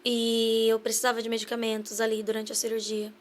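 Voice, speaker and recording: A woman's voice: fairly high pitch, monotone, a little fast. Earnest Brazilian woman telling her testimony. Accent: Brazilian Portuguese. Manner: earnest storytelling, acting out remembered dialogue. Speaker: podcast guest. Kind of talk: personal testimony in a casual interview.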